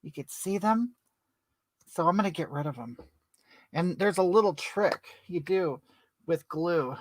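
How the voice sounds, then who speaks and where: On a comedic makeup livestream, a performer plays a brash older woman who chats away and greets viewers by name. Her mid-range voice is lively and darkish, her pace measured, and the recording has no echo.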